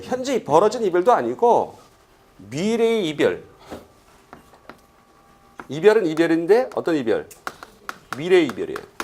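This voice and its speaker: A middle-aged man from Korea lectures a class in an animated, swooping voice. His pitch sits a little high for a man. He keeps firing rhetorical questions and briefly acts out the lines he quotes. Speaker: Korean language exam lecturer.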